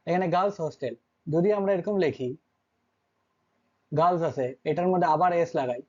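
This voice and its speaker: A man's voice: on the high side, lively intonation, quick pace, dark tone, muffled recording. A man teaching an English grammar lesson, constantly checking with his students through short questions.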